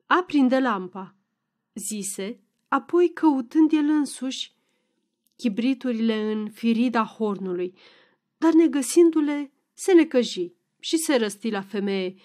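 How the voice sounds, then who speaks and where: A woman reading an audiobook in scripted narration, measured and expressive. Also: fairly high pitch.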